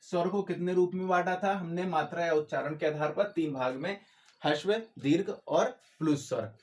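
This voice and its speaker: A man's voice: a little high, a little mellow. A man teaching grammar in a lecture style. He asks his own questions and answers them, repeats the key terms, and stretches out sounds to show how long a vowel lasts. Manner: drawn-out syllables to demonstrate vowel length.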